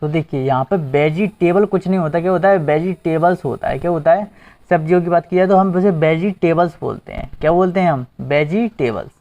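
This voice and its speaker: A man's voice: on the high side, fairly quick, a little mellow. A male teacher giving an exam-prep grammar lesson, asking the class questions and repeating the answers. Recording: dull lo-fi recording.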